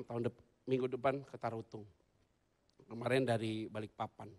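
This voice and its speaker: A male pastor preaching a humorous sermon in a church, moving between loud excited bursts and quiet asides. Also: medium pitch, moderate pace.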